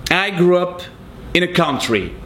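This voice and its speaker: Unhurried and very animated, this Belgian man's voice sits high and sounds a bit bright. A native French speaker with a Belgian French accent, he pokes fun at himself in a story told to a live audience, recorded noisily.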